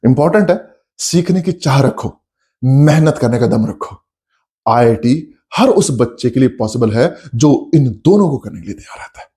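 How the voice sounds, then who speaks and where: Lively coaxing math teacher. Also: male voice, medium pitch, normal speed. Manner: lively, coaxing, addresses students as beta, acts out their questions. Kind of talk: coaching class lecture.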